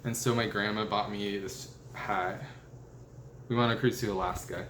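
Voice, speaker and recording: A man's voice: on the low side, fairly even intonation, moderate pace, a bit bright, slight background noise. A young man in his twenties chatting casually as a vlogger, rambling through stories with lots of "like" fillers and self-corrections while sitting at a table indoors. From United States. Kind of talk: casual rambling show-and-tell. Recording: roomy echo with faint ambience.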